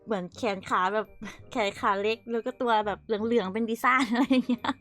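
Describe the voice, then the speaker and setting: A woman's voice: fairly high pitch, fairly bright tone, soft background music. A young woman casually telling stories while showing old photos, chatty and often laughing. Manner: giggly, chatty, frequent laughter and quick asides. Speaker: streamer.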